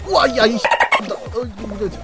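A man streaming a party game, commenting live, often yelling and laughing at the action and cursing at rival players. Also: high-pitched, lively intonation, moderate pace, over loud music. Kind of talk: excited gameplay commentary.

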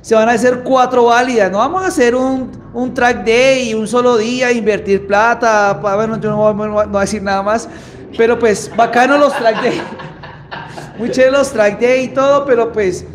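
A man in his thirties with a Colombian accent and an extremely high voice hosts a casual live stream, announcing a championship in an informal, emphatic way. He speaks at normal speed with fairly even intonation from a small indoor motorbike workshop, where the room echoes and background noise is clearly audible.

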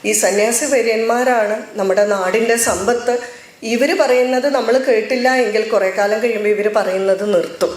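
A woman's voice: on the high side, steady tone, normal speed, slight background noise. A middle-aged woman giving a devotional speech, telling a personal story and acting out dialogue. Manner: storytelling, quoting others in dialogue. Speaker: speaker at a religious gathering. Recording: very echoey hall.

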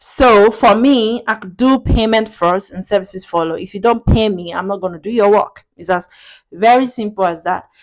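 Woman, young adult, casual vlog talk, direct, matter-of-fact, middle pitch. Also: moderate pace. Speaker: digital marketing agency owner.

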